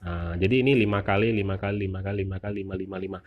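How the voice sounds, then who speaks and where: A middle-aged man teaching pronunciation in a lesson, speaking, patient, repeating sounds slowly and correcting himself. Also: low-pitched, fairly even intonation, dull audio. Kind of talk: online lesson on Mandarin pronunciation.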